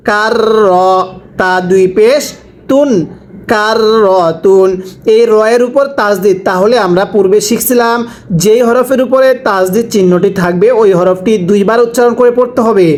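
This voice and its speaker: A man teaching Quran reading, spelling out letters and vowel marks and then slowly drawing out each joined word for his students to repeat. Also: high-pitched, rough recording. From Bangladesh. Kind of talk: slow call-and-repeat recitation lesson.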